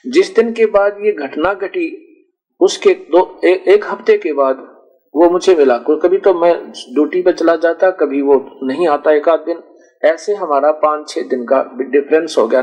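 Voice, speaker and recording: Rustic preacher, fairly high voice. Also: male voice, moderate pace, darkish tone, low-quality recording. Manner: rustic, conversational, recounts dialogues with self-corrections. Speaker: spiritual preacher. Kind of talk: storytelling sermon.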